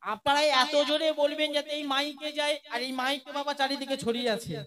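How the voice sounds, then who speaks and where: A man's voice: very high voice, little pitch movement, brisk. A man leading a devotional kirtan, singing chants and preaching between them, coaxing the crowd to chant along. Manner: leads call-and-response chanting, coaxes the crowd. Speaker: kirtan singer. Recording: live with loud music. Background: tabla and harmonium music.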